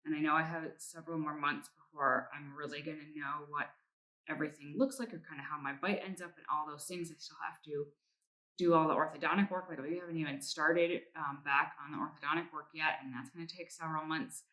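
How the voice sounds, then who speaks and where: A woman's voice: sits low, fairly even intonation, a little fast, pushed and bright, poor audio. A woman vlogger giving a casual personal update in a reflective, somewhat hesitant way.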